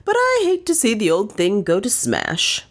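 A woman's voice: medium pitch, wildly swooping pitch, moderate pace, voice pushed up. Woman playing a careless young dandy for an audiobook, airy and offhand. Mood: breezy. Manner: light, breezy, careless. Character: foppish young man about town, airy and heartless.

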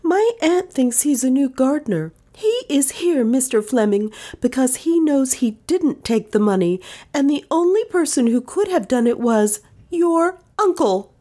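A woman's voice: lively intonation, a little slow, dark tone. A woman playing a desperate, fiery young heroine. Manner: high, pleading and urgent.

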